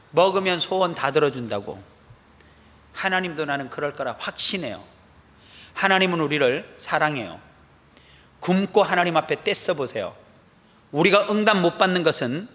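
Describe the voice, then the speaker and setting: A man preaching an animated sermon as a pastor, acting out quoted voices with sudden loud outbursts. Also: high voice. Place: church sanctuary. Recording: long echo of a large hall.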